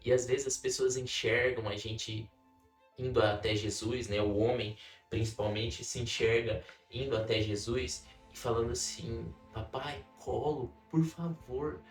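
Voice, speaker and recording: A man's voice: mid-range voice, flat delivery, a little slow, faint music behind. Roomy-sounding Brazilian man, casual devotional. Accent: Brazilian Portuguese. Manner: conversational, many fillers, acts out his daughter's words. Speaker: devotional speaker. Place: home office. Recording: roomy echo, distant mic.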